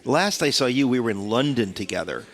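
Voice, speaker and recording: With a cold clogging his voice, a radio host rambles chattily through a casual interview in the studio, frequently starting over. His pitch is medium, his delivery expressive, and his pace fairly quick.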